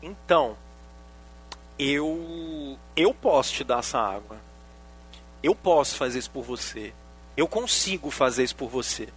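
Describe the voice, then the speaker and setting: A man preaching, voicing Jesus in a soft, quiet and lower way. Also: very animated, a little slow, a little hiss or hum, heavily acted. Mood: gentle. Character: calm, gentle Jesus, a male teacher.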